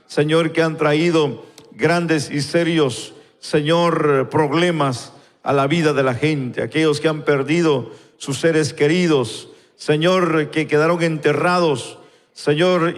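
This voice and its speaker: A man leading a slow, fervent prayer before a congregation, repeating "Lord" between phrases. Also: a little high. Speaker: pastor. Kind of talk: spoken prayer and sermon. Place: church sanctuary, recorded live. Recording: long church hall reverb.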